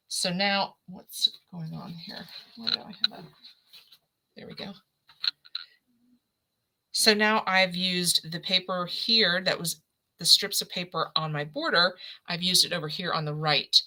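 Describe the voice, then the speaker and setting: A woman's voice: on the low side, bright, forceful tone, low-quality recording. A middle-aged woman hosting a live scrapbooking stream, demonstrating crafts in a chatty, effusive way and greeting viewers by name. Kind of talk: casual livestream craft demo.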